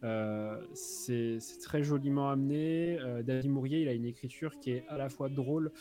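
A man's voice: medium pitch, moderate pace, dark tone. A man from France chatting casually on a live stream, reviewing a comic book with lots of fillers and restarts. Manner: rambling, many fillers and restarts. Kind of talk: casual joking chat.

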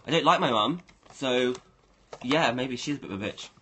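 A man's voice: medium pitch, expressive, moderate pace, sharp tone, breathy edge. A man hosting a casual livestream, rambling and thinking aloud as he talks to his viewers. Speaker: livestream host.

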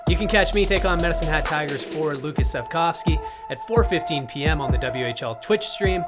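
A man speaks as a podcast host in a somewhat high-set voice. His delivery is scripted and presenterly, with loud music underneath. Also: animated, brisk. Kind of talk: scripted news narration and interview hosting.

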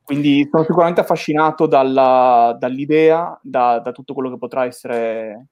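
A man's voice: medium pitch, moderate pace, darkish tone, dry recording, muffled recording. Man in casual discussion, very dry sound. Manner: rambling, often checks with "no?". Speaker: panelist on a video game talk show.

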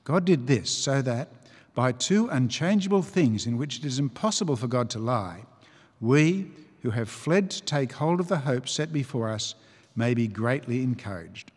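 Male reader, mid-pitched, measured scripture reading with expressive quotes, echoing church sound. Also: breathy edge. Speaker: Bible reader. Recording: long reverb of a church.

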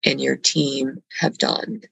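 Gravelly earnest woman on a call. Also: rumbling low, fairly even intonation, fairly bright tone, no echo, poor audio. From Colombia. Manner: earnest, halting, with restarts. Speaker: guest. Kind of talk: reflective conversation.

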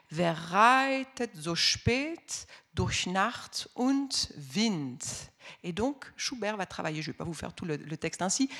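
Woman, music teacher, spoken lecture; patient, hesitant, many restarts. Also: mid-range voice. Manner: reads the ballad aloud with expressive voices.

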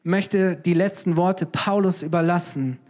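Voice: medium pitch, moderate pace, darkish tone. A pastor giving a church sermon, speaking straight to the congregation with frequent "hey" and "weißt du" and rhetorical questions. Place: church service before a congregation.

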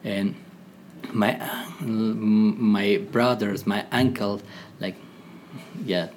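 Deep-voiced Afghan man, halting English. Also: steady tone, darkish tone, slight background noise. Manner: halting non-native English with frequent pauses and restarts. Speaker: podcast guest, former commando. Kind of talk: conversational interview.

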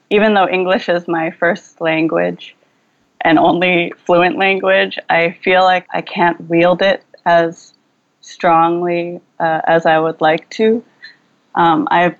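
On a muffled recording, a young woman with a fairly low voice answers questions as a filmmaker guest in a casual video-call interview. She speaks reflectively, searching for what to say with fillers and false starts.

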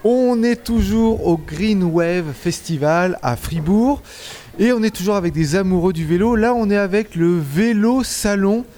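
A man's voice: high voice, a little slow, mellow. A man hosting a casual festival interview, chatting and asking questions. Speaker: interviewer, host.

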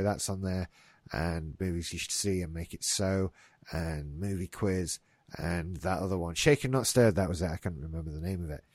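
A low-voiced man hosting a casual gaming news podcast rambles and swears mildly, his nose starting to stuff up. The studio-quality recording has no echo.

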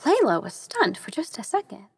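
A woman narrating a children's story in a gentle, expressive way. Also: sits high, normal speed, husky, no echo, studio quality. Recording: narration over background music. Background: music.

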